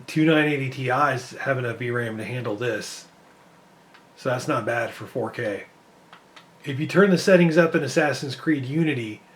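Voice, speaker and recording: A man with a voice worn from losing it talks over his gameplay in a loose, rambling way. His pitch sits in the middle, and he thinks out loud as he checks frame rates. It is casual commentary, full of fillers and restarts. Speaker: PC gaming benchmark creator.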